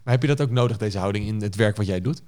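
A man's voice: lowish voice, fast, a little mellow. A man asking an interview guest probing questions.

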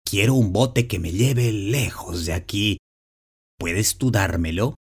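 A man voicing a weary old man in a read-aloud storybook, talking slowly and heavily. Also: fairly low pitch, husky, heavily acted. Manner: slow, tired, heavy.

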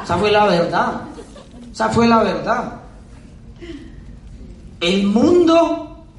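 A man's voice: high voice, background noise. Emphatic man preaching in an echoey hall. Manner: emphatic and repetitive, drives points home with rhetorical questions. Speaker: motivational speaker at a business event. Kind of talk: motivational speech to an audience. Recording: echoey hall, picked up from a distance.

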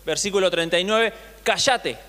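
High-voiced pastor preaching in a reverberant hall. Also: male voice, animated, unhurried, fairly bright tone. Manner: reads scripture then retells it with acted voices; asks the congregation questions. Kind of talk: sermon.

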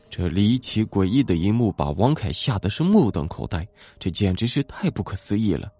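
A man narrating a ghost story in a dramatic, expressive way. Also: lowish voice. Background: soft background music.

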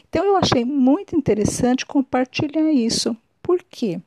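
A woman's voice: high voice, animated, normal speed, dark tone, dry recording. A woman hosting a podcast. She gives a reflective solo monologue, musing and often restarting or correcting herself. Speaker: podcast host.

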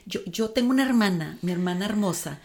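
A woman with a northern Mexican accent talks casually as a podcast guest. She tells stories animatedly, her voice ranging widely in pitch, with plenty of fillers along the way. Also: brisk, crowd noise. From Tamaulipas, Mexico. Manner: animated storyteller, many fillers.

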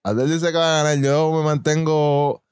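A man's voice: on the high side, fairly even intonation, normal speed, a little mellow, clear, resonant tone, no room sound, clean studio sound. A man, co-hosting a casual chat show, wisecracking and laughing often. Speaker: co-host.

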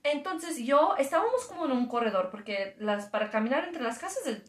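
A woman's voice: high voice, big pitch swings, fairly quick. A woman casually telling a story as a podcast guest, laughing as she talks. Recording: echoey room.

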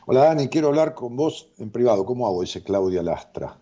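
Un hombre con acento rioplatense que conduce una transmisión en vivo como psicólogo, lee comentarios de su audiencia y charla de forma relajada, con muchas muletillas y divagaciones. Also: male voice, mid-range voice, a little fast. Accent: Rioplatense Spanish. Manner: animated, rambling, jokey, with many fillers. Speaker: psychologist hosting a live stream. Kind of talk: casual live-stream chat reading viewer comments. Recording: dull lo-fi stream audio.

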